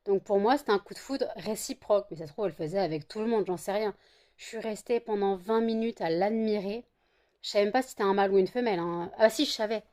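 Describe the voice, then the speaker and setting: A woman's voice: medium pitch, mellow. A woman in her thirties from France, chatting casually in a home vlog, rambling with many fillers and restarts. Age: 30s. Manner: cooing baby talk to her pets. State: out of breath from the heat. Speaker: vlogger.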